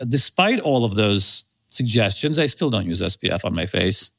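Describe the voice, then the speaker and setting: Fifties guy, gravelly voice, chatty and jokey about himself, dry close sound. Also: fairly low pitch, sing-song, normal speed, a bit bright, dry recording. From Armenian. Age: 50s. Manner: chatty, self-deprecating, repeats phrases. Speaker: guest, fragrance company head. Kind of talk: casual podcast interview.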